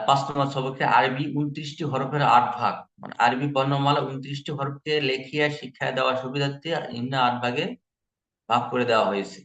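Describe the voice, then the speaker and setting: A man teaching Quran recitation in an online lesson, patiently repeating each letter sound slowly for learners. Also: mid-range voice, a bit bright, roomy sound.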